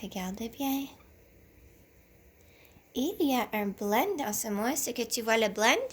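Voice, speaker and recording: A woman teacher giving a reading lesson to young children from home, speaking slowly and deliberately and sounding out syllables one by one. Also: a little high, animated, breathy edge.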